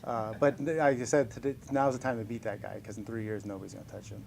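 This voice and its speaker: A man in his forties, a professional fighter, fields questions at a casual press scrum, sounding upbeat, chuckling often and poking fun at himself. His voice is lowish and gravelly with a touch of mellowness, quick-paced and fairly flat in pitch, over slight background noise.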